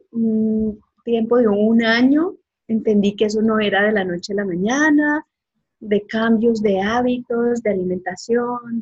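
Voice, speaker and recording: A woman's voice: on the high side, darkish tone, slightly rough, lo-fi sound. A woman from Colombia, a doctor answering interview questions earnestly over a video call, with frequent restarts. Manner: earnest, telling her story with restarts. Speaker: guest, doctor.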